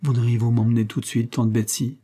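A man voicing a timid, gentle young girl who speaks softly and eagerly in a storybook reading. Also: mid-range voice, flat delivery, breathy edge, lightly acted. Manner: soft, quick and eager.

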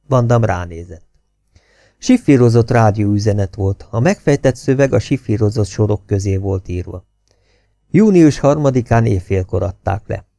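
Low, gravelly male audiobook narrator. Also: no echo, clean studio sound. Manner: steady, expressive reading. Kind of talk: scripted novel narration.

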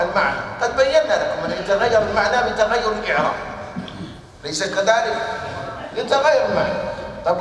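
A man's voice: sits high, a bit bright, slight background noise. A man teaching a class, asking the students questions and then answering them himself. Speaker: teacher of religious texts. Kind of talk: classroom lecture. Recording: echoey hall from far off.

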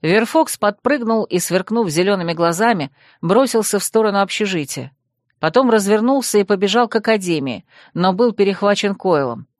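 A woman's voice: mid-range voice, moderate pace, dry recording. Woman narrating an audiobook, dry and close. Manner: expressive storytelling. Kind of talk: first-person audiobook narration.

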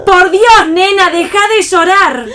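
A woman's voice: lively intonation, measured pace, heavy background noise. Woman playing an exasperated mother. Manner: cooing then shrill scolding. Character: exasperated young mother losing her temper. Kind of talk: radio theatre reading.

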